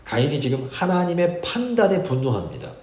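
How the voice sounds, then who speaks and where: A man's voice: on the high side, sing-song, darkish tone. Man preaching in an echoey church. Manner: earnest, measured preaching with slow emphatic scripture readings. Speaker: pastor. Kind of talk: sermon. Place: church sanctuary.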